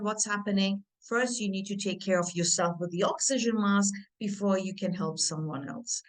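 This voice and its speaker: A woman's voice: mid-range voice, poor audio. A middle-aged woman from Turkey who grew up in Germany, giving an encouraging online coaching workshop over a video call. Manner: warm, encouraging, interactive with audience. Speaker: career and family coach.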